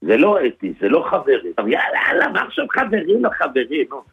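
A man's voice: mid-range voice, wildly swooping pitch, narrow, tinny audio, soft background music. A man performing a comic phone sketch on the radio, swerving animatedly between voices. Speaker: radio comedian.

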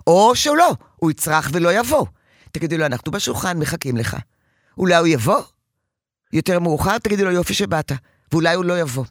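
A woman counseling a parent in an emphatic, animated advice session. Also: on the low side, dry recording, clean studio sound.

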